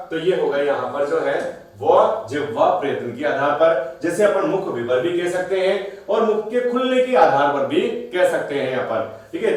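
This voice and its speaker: A man with a somewhat high voice teaches grammar, asking himself questions and then answering them. He sounds set back from the mic in a strongly echoing room. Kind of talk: classroom-style recorded lesson. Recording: very echoey room, voice from a distance.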